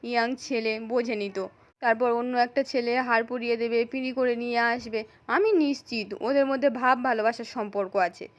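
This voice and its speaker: A stern elderly patriarch gives orders and blusters, voiced by a woman narrator. She keeps her own high voice while telling the story. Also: fairly even intonation, normal speed, highs cut off, close to an everyday voice. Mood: commanding. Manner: commanding, blustering.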